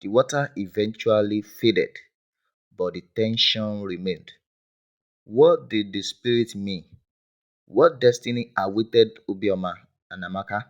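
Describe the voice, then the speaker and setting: A man's voice: lowish voice, measured pace, low-quality recording. A man narrating a dramatic folk tale in a grave storytelling manner. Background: loud background music.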